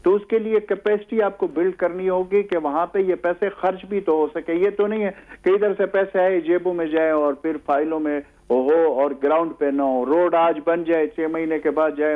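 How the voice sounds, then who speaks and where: A male analyst speaks over a tinny, phone-like line. His voice sits a little high, and he talks in a measured way, pausing often and restarting his sentences as he explains his view. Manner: measured, hesitant with many fillers. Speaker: political analyst guest. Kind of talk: studio talk show discussion.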